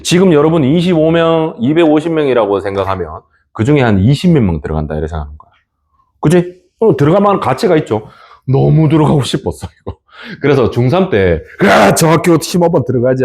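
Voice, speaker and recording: A middle-aged male teacher tells stories to his class in an animated way. His pitch swings widely as he talks, often stopping to check in with his students. His voice sits in an ordinary middle register for a man. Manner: animated storytelling, frequent laughs and check-ins. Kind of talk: classroom lecture with personal stories.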